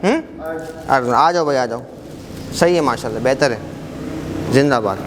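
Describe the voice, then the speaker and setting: A man teaching an Arabic class, briskly quizzing students and encouraging them not to be shy. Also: medium pitch. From Pakistan. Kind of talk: classroom quiz lesson. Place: mosque hall. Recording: echoey hall with background noise.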